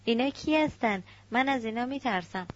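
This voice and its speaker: A frightened little girl, voiced by a woman reading a storybook asks innocent, childlike questions. Her voice sits a little higher than the narration, and the recording sounds dull and lo-fi. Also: animated. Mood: scared.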